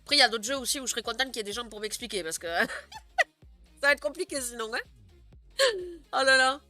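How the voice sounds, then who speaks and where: A woman's voice: a little high, lively intonation, fast talker, bright, forceful tone, soft background music. A young woman streamer chatting casually with her viewers, giggling often and filling her talk with "euh" and "genre". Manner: chatty, giggly, many fillers. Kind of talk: casual live stream chat.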